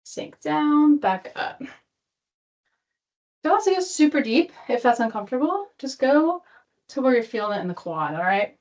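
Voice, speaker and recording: A woman's voice: sits high, big pitch swings, moderate pace, pauses often, a little mellow, muffled recording. A woman leading an exercise class as instructor, giving cues and countdowns in an encouraging, peppy manner. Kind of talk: workout coaching with cues and countdowns.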